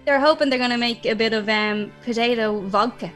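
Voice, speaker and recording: A woman chatting casually as a guest, talking quickly and laughing often. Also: a little high, fairly bright tone, faint music behind. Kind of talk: casual chat.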